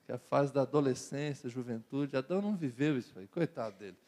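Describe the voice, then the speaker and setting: This middle-aged pastor, Brazilian Portuguese accent in his speech, talks fast in a dark, mid-range voice as he addresses a youth audience. His preaching is chatty, with jokes and rhetorical repetition.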